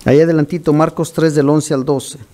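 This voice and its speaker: A man preaching an animated, teaching sermon to his congregation. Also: a little high, brisk. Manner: animated, teaching, scolds listeners for distracting him. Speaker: pastor.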